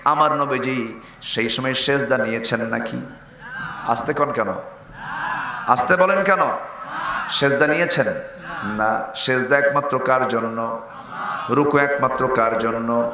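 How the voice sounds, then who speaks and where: A man preaching a fiery sermon. He rises to high, shouted peaks, calls out for the crowd to answer him, and slips into chanting. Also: fairly even intonation, measured pace, long pauses. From Bangladesh. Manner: rousing, rising to a high shout, then chanting. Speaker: Islamic preacher. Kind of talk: fiery sermon with call-and-response. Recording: echoey public-address sound with faint noise.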